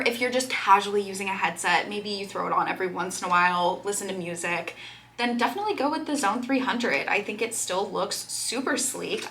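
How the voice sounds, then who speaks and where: A woman's voice: mid-range voice, sharp tone, a little hiss or hum. A woman hosting a casual product review in a chatty, upbeat way. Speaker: product reviewer and video host.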